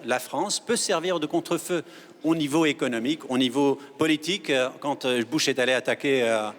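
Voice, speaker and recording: A man speaking earnestly and reflectively as a guest in a studio debate, pausing often with fillers. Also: mid-range voice. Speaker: guest panelist. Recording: reverberant studio hall.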